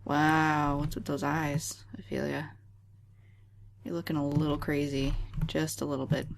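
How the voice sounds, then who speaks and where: Woman, let's play host, low voice, casual gameplay commentary, sarcastic, chatty. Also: level tone, unhurried, gravelly, a little hiss or hum. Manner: sarcastic, chatty asides to the game.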